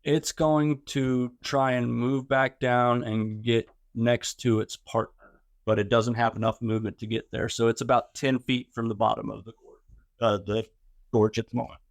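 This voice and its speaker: A man's voice: mid-range voice, level tone, moderate pace, creaky, dry recording, clean studio sound. A middle-aged man narrating a tabletop game as game master, describing the action step by step and explaining the rules.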